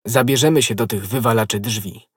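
A man playing a sardonic nobleman shut up in a cellar, curt and mocking in a husky voice. The recording is dry and close, with no room echo. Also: mid-range voice, brisk. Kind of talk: audiobook role.

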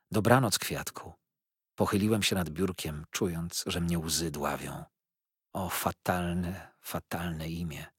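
A man narrating a novel in an expressive, wistful storytelling voice. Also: low-pitched, husky, no room sound, studio quality. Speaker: audiobook narrator.

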